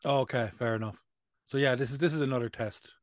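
A man's voice: mid-range voice, steady tone, fast, no room sound, clean studio sound. A man in his thirties with an Irish accent, hosting a casual comedic podcast in a playful, self-mocking way. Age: 30s. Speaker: podcast host.

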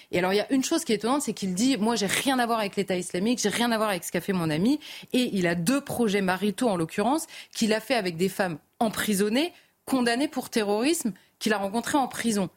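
A woman on a television debate panel, recounting court testimony with many hesitations and restarts. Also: mid-range voice. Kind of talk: live TV news debate commentary.

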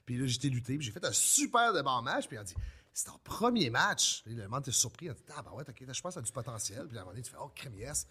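Man, acadian french accent, rapid speech, slightly husky voice, wrestler telling stories. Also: medium pitch. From New Brunswick, Canada. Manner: animated storyteller, acts out quotes. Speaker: guest, pro wrestler. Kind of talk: casual chat.

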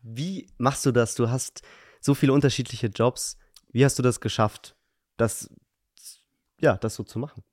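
A man's voice: mid-range voice, fairly even intonation, normal speed, long pauses, darkish tone, no echo, studio quality. A man hosting an interview, asking his guest friendly questions in a casual tone. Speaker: interviewer host.

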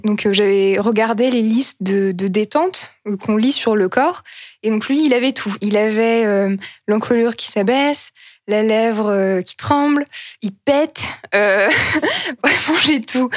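An earnest woman tells a personal story with a halting rhythm, stopping now and then to find the right word. Her voice sits at an ordinary middle pitch and is captured close and dry, with almost no room sound. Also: no room sound. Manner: earnest, halting, searching for words.

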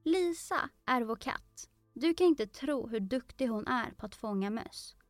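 A woman's voice: fairly high pitch, animated, dry recording, studio quality, soft background music, close to an everyday voice. A woman voicing Alice, a curious, polite young girl who talks earnestly and eagerly in a storybook.

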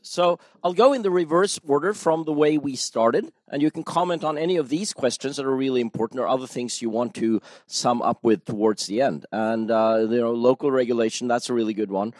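A man moderating a panel seminar, polite and brisk as he takes audience questions. His voice sits at a middle pitch, recorded close and dry with no room sound. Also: no echo.

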